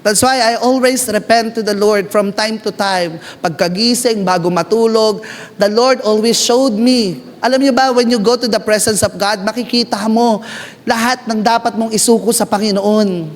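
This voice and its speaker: A Filipino man preaching a sermon, mixing Tagalog and English, calling out to the congregation and acting out prayers. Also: moderate pace. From Philippines. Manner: switches between Tagalog and English, calls out to the congregation; shifts pitch often, acts out prayers and asides. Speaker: pastor. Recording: long hall reverb.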